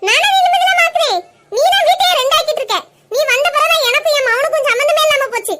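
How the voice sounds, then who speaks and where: A woman's voice: extremely high pitch, fast talker, bright, forceful tone. A woman voicing a scheming, nagging older mother-in-law in a cartoon, with a Kanyakumari Tamil accent and grumbling muttered asides. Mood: shrill accusing. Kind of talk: cartoon voice acting.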